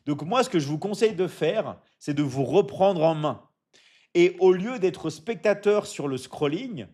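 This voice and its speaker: A man's voice: on the high side, darkish tone. Man hosting a chatty live stream. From Michigan. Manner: repeats "d'accord?" often, stumbles and restarts, coaching tone; reads out viewer comments and answers them. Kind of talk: casual live stream chat.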